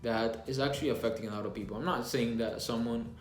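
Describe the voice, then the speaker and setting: A man's voice: medium pitch, fairly even intonation, fast. A young man gives a casual, earnest book review, restarting phrases now and then as he reflects. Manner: earnest, plainspoken, with frequent restarts and self-reflection. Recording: echoey room with faint music underneath.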